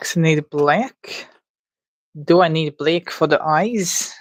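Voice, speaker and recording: Streamer, mid-pitched, dry close sound, casual thinking-aloud commentary, unsure and self-mocking. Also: slow pace, dry recording. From Latvia. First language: Latvian. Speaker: livestreamer. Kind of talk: casual commentary while drawing live.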